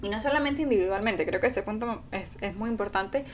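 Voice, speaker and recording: Speaking a little fast in a mid-range voice, this Venezuelan podcast co-host earnestly and animatedly plays out the things people say on a casual couple show. A little hiss or hum runs under the audio.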